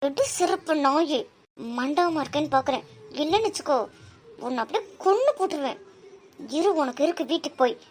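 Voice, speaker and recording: A woman voicing a domineering middle-aged aunt in a cartoon, who scolds and threatens in a slow, heavy way. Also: high voice, animated, a little hiss or hum. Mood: threatening. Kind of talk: Tamil cartoon voice acting.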